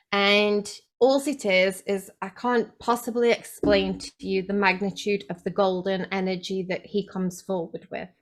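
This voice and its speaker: Slow-talking woman channeler. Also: medium pitch. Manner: chatty, with filler "um"s and asides. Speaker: spiritual channeler. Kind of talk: live channeling session talk.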